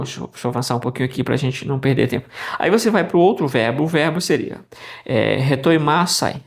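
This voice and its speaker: A man's voice: medium pitch, vocal fry. A man teaching Greek grammar in a casual, conversational way, with frequent "né" and restarts. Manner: conversational, many "né" tag questions and restarts. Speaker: Greek New Testament teacher. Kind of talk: casual explanatory lesson.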